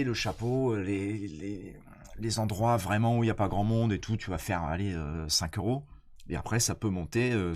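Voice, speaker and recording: Male comedian, fairly low voice, nasal from a head cold, informal and hesitant explainer style. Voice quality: congested, nasal. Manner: hesitant, halting, slangy. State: blocked nose from a cold. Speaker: stand-up comedian. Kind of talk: casual explanatory chat.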